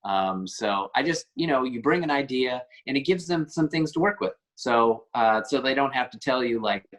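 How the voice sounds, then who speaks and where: A man's voice: medium pitch, expressive, normal speed, a bit bright. A man, an actor being interviewed, talking casually and rambling a bit as he searches for words. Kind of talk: casual chat.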